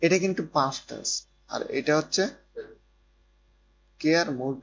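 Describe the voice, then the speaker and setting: A man's voice: fairly high pitch, animated, moderate pace, vocal fry. A man teaching a grammar lesson who keeps repeating points and asking if students follow. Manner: repeats points and checks understanding. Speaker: Korean language teacher. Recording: dull lo-fi recording with faint noise and hum.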